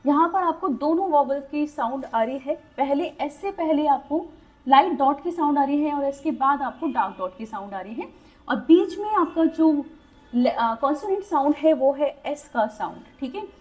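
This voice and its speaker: A young woman with a high voice teaches shorthand step by step. She mixes Hindi with English terms and keeps checking in with her learners after each point. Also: expressive, normal speed, darkish tone, rough recording. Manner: patient, repeats "ठीक है" to check understanding. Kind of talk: step-by-step tutorial.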